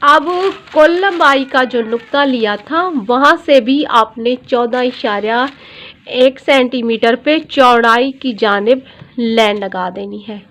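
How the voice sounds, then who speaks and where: Slow, patient woman teaching sewing. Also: on the high side, fairly bright tone. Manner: slow, patient, repeats each measurement; often checks in with "theek hai". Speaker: dress designer teaching pattern drafting. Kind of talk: step-by-step sewing tutorial.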